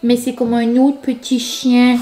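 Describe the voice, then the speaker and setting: A woman's voice: on the high side, flat delivery, measured pace, mellow. A woman talking casually to her vlog camera at home, rambling and chatty with lots of fillers. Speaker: vlogger. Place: home, indoors.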